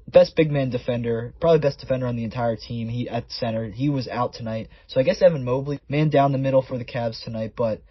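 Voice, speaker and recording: A man's voice: mid-range voice, breathy edge, no room sound. A man hosting a solo sports podcast in a conversational, stat-by-stat way, his voice sounding muffled and underwater. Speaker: podcast host.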